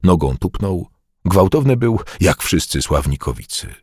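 Husky male audiobook narrator. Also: deep voice, sing-song, a little slow, no room sound, clean studio sound. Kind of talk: audiobook narration of a historical novel.

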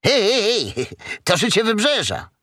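A man voicing a quick, know-it-all young fox in a storybook reading. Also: high voice, huge pitch swings, sharp tone, dry recording, clean studio sound, voice pushed up, exaggerated voice. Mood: mocking. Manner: quick, explaining.

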